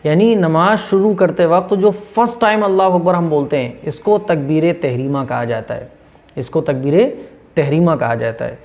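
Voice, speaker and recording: A man teaching the correct pronunciation of prayer phrases, asking questions and answering them himself, stretching each phrase out slowly and repeating it. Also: on the high side, creaky, darkish tone. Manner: drawls Arabic phrases syllable by syllable. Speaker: religious teacher.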